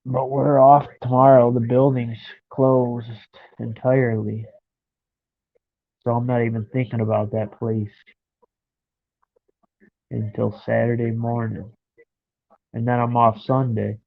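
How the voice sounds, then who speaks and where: He's in his thirties, stuffy-nosed and chatting aimlessly with viewers during a casual live stream from bed at home. The medium-pitched voice is level, slow and creaky with long pauses, and the recording is dry and lo-fi, like a phone.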